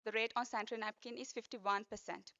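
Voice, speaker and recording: A woman in her twenties with a Sri Lankan accent, giving an earnest, formal pageant speech with deliberate, emphatic phrasing. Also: on the high side, fairly even intonation, fairly bright tone, lo-fi sound. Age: 20s. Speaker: pageant finalist.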